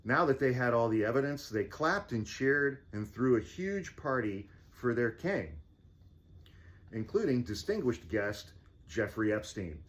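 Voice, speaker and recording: A man reading a children's storybook aloud as fireside storytelling, theatrical and deliberate, with casual asides. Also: mid-range voice, sing-song, lo-fi sound. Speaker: storybook reader.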